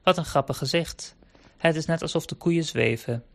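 A man voicing a calm, reassuring mother dog in a storybook. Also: on the high side, normal speed, vocal fry, pitched above the performer's own voice.

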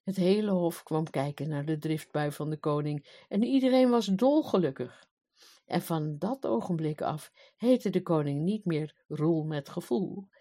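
A woman reading a fairy tale aloud in a calm, even storytelling manner. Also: deep voice.

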